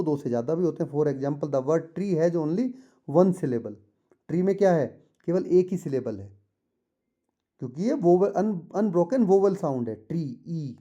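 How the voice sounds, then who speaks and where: A man with an Indian English accent explaining a textbook lesson to students, reading English lines slowly and then explaining each one patiently. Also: a little high, mellow, dull audio. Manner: addresses students directly, patient. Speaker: tutor.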